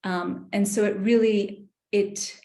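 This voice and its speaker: A woman's voice: mid-range voice, steady tone, slow, dark tone. A middle-aged woman from New York, a yoga teacher talking casually and thoughtfully in an interview, with many fillers. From New York City. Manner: thoughtful, hesitant, many fillers and small laughs. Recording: roomy echo.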